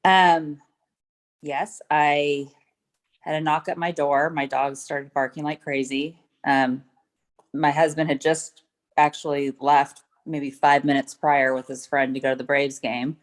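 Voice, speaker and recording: A woman's voice: deep voice, flat delivery, unhurried. A middle-aged woman giving courtroom testimony, hesitant and full of ums as she retells events step by step. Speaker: witness.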